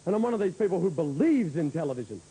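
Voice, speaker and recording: A man's voice: a little high, sing-song, racing, mellow, husky. A man doing an enthusiastic stand-up monologue, on a noisy old VHS tape. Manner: chatty, enthusiastic. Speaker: comedian.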